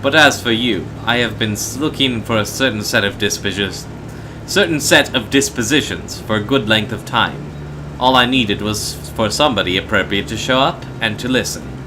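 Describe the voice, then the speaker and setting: Guy reading as a wise game mentor, kinda low, formal and rhetorical, clear background noise. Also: normal speed, lightly acted. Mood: earnest, explanatory. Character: tall, learned male mentor, measured and persuasive. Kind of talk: reading video game dialogue aloud.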